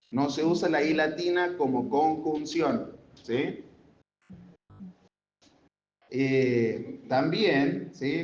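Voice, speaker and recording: A man's voice: on the high side, darkish tone. A man teaching a Sunday school grammar class, explaining step by step with examples and often checking that students follow. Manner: keeps checking understanding with tag questions. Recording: roomy, dull lo-fi with faint room noise.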